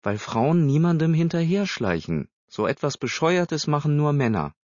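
Guy doing a snippy nervous teen girl, pitched way up, dull dry recording. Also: very animated, moderate pace, a little mellow, no echo. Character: nervous, sharp-tongued teenage girl.

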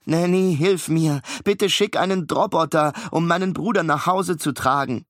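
A man's voice: a little high, normal speed, no room sound, clean studio sound, pitched above the performer's own voice, lightly acted. A man voicing a clever, fussy boy twin who talks in a precise, lecturing way. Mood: pleading.

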